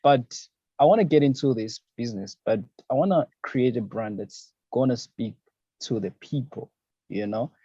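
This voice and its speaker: A laid-back Zambian man with a mellow, husky, medium-pitched voice gives relaxed interview answers at a normal pace, easygoing and full of fillers and "you know, man." He's a fashion designer who also hosts a podcast and radio show. The recording is dry, dull and lo-fi.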